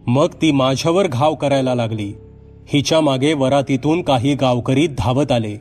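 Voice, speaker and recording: A man's voice: on the high side, a little mellow, close to an everyday voice. A man voicing a frightened, cowardly village doctor who stammers and explains in a panicky way.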